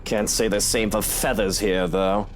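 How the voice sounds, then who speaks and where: An actor playing a smug, condescending, wealthy mansion owner in a game. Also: male voice, lowish voice, fairly even intonation, a little slow, soft background music, lightly acted. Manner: condescending, mocking.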